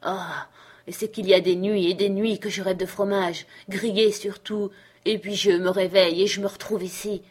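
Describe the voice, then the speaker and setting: A woman's voice: medium pitch, fairly even intonation, moderate pace, a little mellow, slightly rough, close to an everyday voice. A woman voicing a ragged, half-mad male castaway who talks in eager, rambling bursts.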